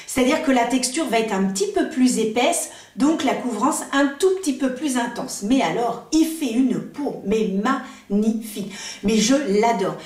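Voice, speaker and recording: A woman's voice: fairly high pitch, a little mellow. A woman chatting casually to camera as a beauty vlogger, enthusiastic and full of asides and fillers. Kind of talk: casual product review to camera. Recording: echoey room, voice a bit far from mic.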